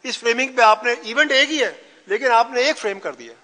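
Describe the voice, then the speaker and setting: Guy lecturing at a conference, high bright voice, lots of english mixed in, echoey hall. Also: expressive, a little fast. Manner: mixes Hindi-Urdu with English phrases. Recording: long reverb of a hall.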